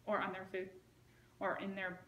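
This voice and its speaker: A woman's voice: mid-range voice, monotone, normal speed, lo-fi sound. A woman being interviewed, telling a long story in a casual, rambling way full of "like" and "you know.". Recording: roomy with faint noise.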